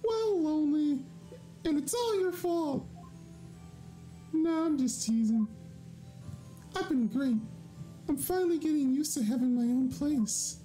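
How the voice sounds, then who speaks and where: A man voicing a perky, teasing young woman, a little sister, in a high falsetto while reading a game aloud. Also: lively intonation, a little slow, pauses often, dark tone, reverberant, soft background music. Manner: high falsetto girl voice, playful. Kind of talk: let's play voice reading.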